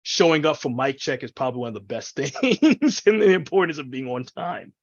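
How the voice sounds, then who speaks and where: A man from New York City talking casually as an interview guest, telling stories in an animated way over a video call. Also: on the high side, a little fast. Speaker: ring announcer and event MC, interview guest. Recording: dull, lo-fi video call audio.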